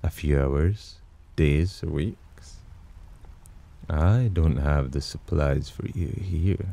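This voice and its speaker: A man performs an intimate ASMR roleplay as a haughty, teasing male demon who is disdainful of humans yet possessively protective, his delivery slow, condescending and probing. His exaggerated voice is very deep, dark and husky.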